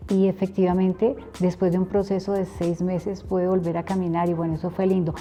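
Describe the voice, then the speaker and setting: A woman's voice: lowish voice, flat delivery, fairly quick, warm tone. A middle-aged woman, a preacher earnestly telling her personal testimony and acting out remembered conversations.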